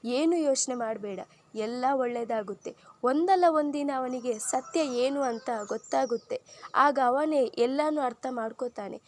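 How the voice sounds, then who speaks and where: A warm-hearted older mother-in-law from an audio story, played by a woman narrator, speaking in a soft, soothing way. Her high voice stays calm and reassuring. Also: unhurried, a little hiss or hum. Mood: consoling. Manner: gentle, soothing. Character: kind, consoling elderly mother-in-law.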